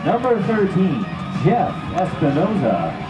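A man announcing players over a ballpark loudspeaker, with formal, drawn-out introductions. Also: sits high, huge pitch swings, over a noisy crowd. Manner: measured, drawn-out announcing of names. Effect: stadium loudspeaker announcement, opened with a call for attention. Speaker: ballpark public address announcer. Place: outdoor baseball field. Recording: echoey loudspeaker heard from far off, with music.

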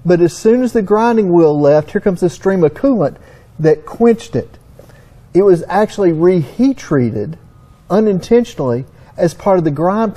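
A man's voice: high voice, mellow, husky. A middle-aged man with a Southern US accent, explaining engine surfaces at a whiteboard in a folksy, storytelling way. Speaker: engine consultant.

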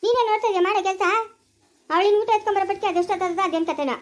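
A woman playing a sharp-tongued village mother and farm owner who scolds workers and coos to her baby. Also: very high voice, rapid-fire. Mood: scolding.

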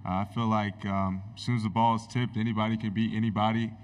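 A young man, a college basketball player, answering a question at a postgame press conference in an earnest, steady way with many fillers, into a table microphone. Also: lowish voice, fast talker. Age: young adult. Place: indoor press conference room. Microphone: table microphone on stand.

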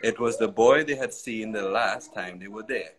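A man narrating a children's story aloud in an expressive, sing-song way. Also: lowish voice, normal speed, noisy background.

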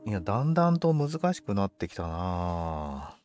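A man's voice: low-pitched, sing-song, normal speed, music in the background. A man commentating on a game for a livestream, politely musing aloud to himself in casual chat. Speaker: game streamer.

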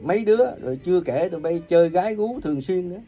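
A man preaching an angry, ranting sermon, cursing and scolding his listeners with coarse insults, his volume swinging from loud bursts to low mutters. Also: expressive, fast, dull audio, faint music behind. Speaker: self-proclaimed religious preacher.

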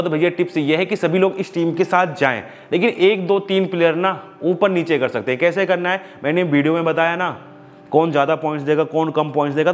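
A man giving fantasy cricket tips in a chatty, emphatic way, talking straight to his viewers. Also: on the high side. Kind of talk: casual analysis video.

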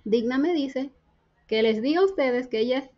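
A woman's voice: high voice, lively intonation, normal speed, lo-fi sound. A woman from the Dominican Republic with a Dominican Spanish accent, earnestly telling her faith testimony as a guest and acting out the dialogue she recounts.

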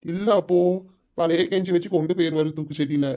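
A man voicing an easygoing elderly village grandfather with a southern Tamil Nadu accent, slow and homely. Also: fairly high pitch, fairly even intonation, highs cut off, close to an everyday voice.

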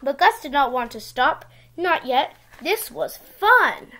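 A woman reading a picture book aloud to young children with simple, expressive storytelling, recorded in a small room on a device mic. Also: high voice, takes it slowly. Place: small indoor room with bookshelves.

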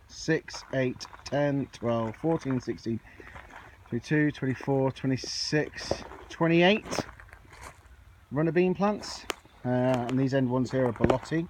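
Holding a camera or phone, a male gardening hobbyist walks viewers around his allotment in a relaxed, chatty, unscripted vlog. He speaks in a mid-range, somewhat mellow voice. There's clear noise throughout, typical of handheld outdoor filming.

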